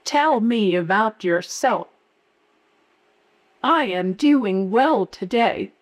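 A woman's synthetic computer voice with a flat, robotic monotone, played from a voice avatar. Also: medium pitch, extremely slow. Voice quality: artificial, machine-made speech. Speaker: study participant using a voice avatar.

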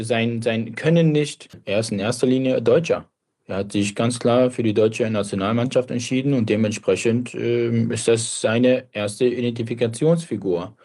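Man, interview guest, even middle voice, thoughtful measured answers. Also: mid-range voice. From Kurdish family, grew up in Germany. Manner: reflective and measured, with brief restarts.

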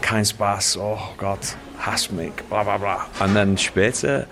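A low-voiced British man with a gravelly edge gives an interview in halting German, his first language being English. He often stops to search for the right word, and a faint hum sits behind him. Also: steady tone, a bit bright. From Britain. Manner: halting non-native German, searching for words. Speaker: comedian.

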